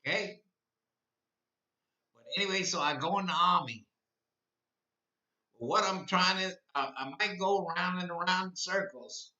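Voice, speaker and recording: An old man in his eighties talks through a rambling podcast monologue that turns impassioned. His voice is somewhat high and very bright and cutting. He sounds far from the mic in an echoey space, on a dull lo-fi recording. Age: 80s. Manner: rambling, repeats himself, grows impassioned. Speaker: podcast host. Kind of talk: rambling live-stream monologue.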